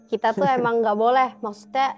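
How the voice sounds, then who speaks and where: A woman's voice: fairly high pitch, steady tone, brisk, darkish tone, dull audio. A young woman casually recounting her own ghost experiences in a podcast interview, acting out the dialogue between speakers. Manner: acts out quoted dialogue, lots of fillers.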